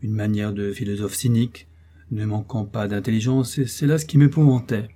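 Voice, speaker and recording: Male reader voicing a glib, scheming doctor with feigned candor, low dark husky tone. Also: steady tone, fairly quick, close to an everyday voice. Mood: falsely earnest. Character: scheming smooth-talking older male doctor. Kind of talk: audiobook character voice.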